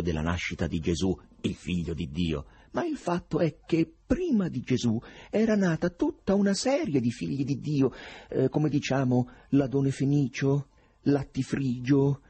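A man's voice: medium pitch, big pitch swings, moderate pace, dark tone, slightly rough, voice pushed up. A man voicing a self-assured editor who lectures a younger poet, in a radio reading of a novel. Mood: lecturing. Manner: didactic, explaining.

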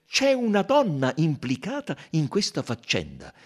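A fussy little Belgian detective with a high, husky voice, sly and insistent, who mutters his thoughts aloud as he leaps up and down in pitch, as a man reads him in an audiobook. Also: wildly swooping pitch, a little slow, full character voice. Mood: ironic.

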